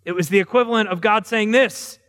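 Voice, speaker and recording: A man's voice: high voice, fairly quick, a bit bright. A male preacher giving a sermon in a casual, storytelling way, asking his listeners questions as he goes. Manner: conversational, storytelling, asks questions. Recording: long reverb of a large hall.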